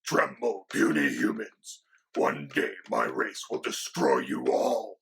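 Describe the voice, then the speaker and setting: A man voicing a mock-menacing male dragon sidekick who explains monster lore in a hushed, lecturing way. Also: lowish voice, big pitch swings, takes it slowly, vocal fry, slightly rough, full character voice. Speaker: co-host.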